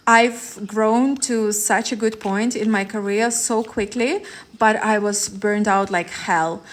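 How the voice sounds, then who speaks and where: A woman's voice: mid-range voice, fairly even intonation, slow pace. A woman, chatting on a live stream as a tarot reader, rambling with many fillers and restarts. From Ukraine. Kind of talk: live-stream chat with viewers.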